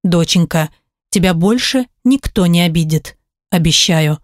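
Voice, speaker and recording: A woman voicing a grown man, a protective father speaking softly and holding back his feelings. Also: on the low side, expressive, a little slow, dry recording, studio quality. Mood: tender. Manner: soft, held-back speech.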